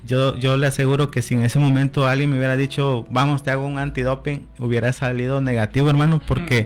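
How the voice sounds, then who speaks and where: A man's voice: medium pitch, little pitch movement, fast talker. A man telling his personal testimony as a radio guest, often adding "amén" and quoting conversations. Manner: storytelling, with frequent "amén" and quoted dialogue.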